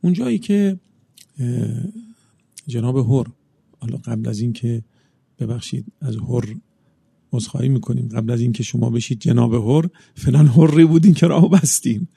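A man preaching a religious sermon, speaking in measured phrases that build into emphatic bursts, recited passages. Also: medium pitch, creaky, mellow, slightly rough, no echo.

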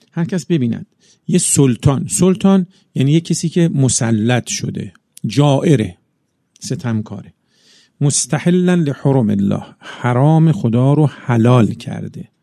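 A man delivers a religious sermon in a low, gravelly, mellow voice. He paces his phrases carefully and weaves in recited verses. He often rises into emphatic bursts, and the dry, close recording keeps every rasp audible. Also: expressive, no room sound. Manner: measured, builds up in emphatic bursts. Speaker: preacher.

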